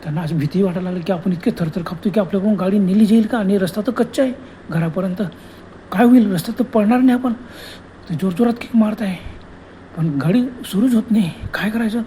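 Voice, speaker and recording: A man's voice: high-pitched, fast, warm tone, a little hiss or hum, poor audio. A man telling a ghost story in an earnest, dramatic way, often repeating phrases for effect. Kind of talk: Marathi horror storytelling.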